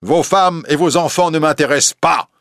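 A man voicing a cruel, haughty bishop who barks orders in a high, strained voice. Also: animated, moderate pace, dry recording, clean studio sound. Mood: harsh, commanding. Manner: commanding, shouting orders. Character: cruel, haughty male bishop, middle-aged.

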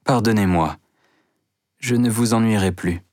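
A man's voice: lowish voice, a little slow, darkish tone, dry recording, clean studio sound, close to an everyday voice. A man voicing a timid, lovesick young salesman who pleads sadly.

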